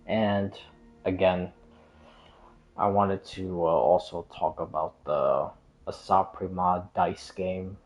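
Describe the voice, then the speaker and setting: In this casual, rambling stream chat, a game livestreamer talks hesitantly, wandering and repeating himself. He takes it slowly in a low voice with fairly even intonation, over dull, muffled lo-fi audio.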